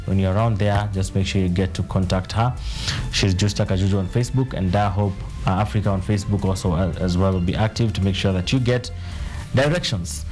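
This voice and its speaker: A man's voice: low voice, fairly even intonation, darkish tone, soft background music. A man with a Kenyan English accent, a news anchor giving a chatty, rambling sign-off from a TV studio. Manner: chatty and rambling, with restarts and drawn-out lists. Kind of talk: unscripted sign-off of a news bulletin.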